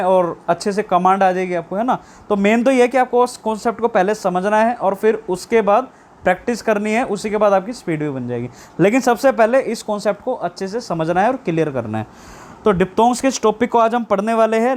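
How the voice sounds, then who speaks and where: A man teaching shorthand online, explaining slowly and repeating key terms as questions. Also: sits high. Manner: drawn-out stress on English terms. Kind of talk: online lesson.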